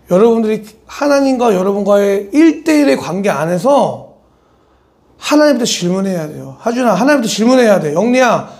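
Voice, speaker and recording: A man preaching at a church service with a strikingly high voice that carries a rough, gravelly fry. He speaks conversationally and animatedly, moving between polite address and blunt casual remarks. He talks straight to his listeners. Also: a little mellow. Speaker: pastor.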